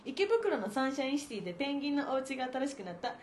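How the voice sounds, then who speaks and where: A woman's voice: high voice, sing-song, racing, echoey room, slight background noise. A woman voicing a cheeky, bubbly gyaru girl who talks in gyaru slang, as a listener's message on a talk show. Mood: perky, teasing. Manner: Japanese gyaru slang with cutesy catchphrases. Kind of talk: reading listener mail in character on a talk show.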